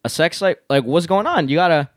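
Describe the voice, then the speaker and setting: A man's voice: a little high, lively intonation, brisk, dry recording, studio quality. A young man co-hosting a casual podcast, laid-back and slangy, often saying yo and bro. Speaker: podcast co-host.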